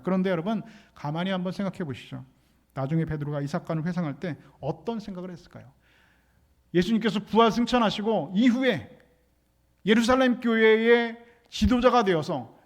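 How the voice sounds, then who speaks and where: A man preaching a sermon as pastor in a church, emphatic and animated, acting out the voices he quotes. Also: sits high. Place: church sanctuary.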